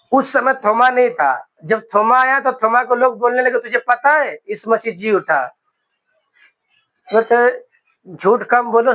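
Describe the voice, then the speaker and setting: High, bright-voiced young male preacher. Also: poor audio. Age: 20s. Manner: exclaims hallelujah often, slows for emphasis. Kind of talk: sermon.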